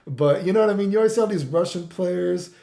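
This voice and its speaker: A middle-aged man from Canada who commentates on games rants off the cuff in a high, creaky, dark-toned voice, talking fairly quickly. Exasperated and emphatic, he's full of opinions, repetition, rhetorical questions and swearing, captured with echoey, roomy sound.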